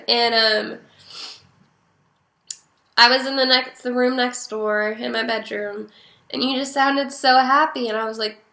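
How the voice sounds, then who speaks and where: A woman's voice: a little high, fairly even intonation, takes it slowly, creaky, long pauses, bright, forceful tone. A young woman telling her mother family stories in a casual, chatty, rambling way, often laughing. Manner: chatty, giggly, rambling with many fillers. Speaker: daughter speaking to her mother. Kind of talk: casual personal storytelling. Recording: roomy echo.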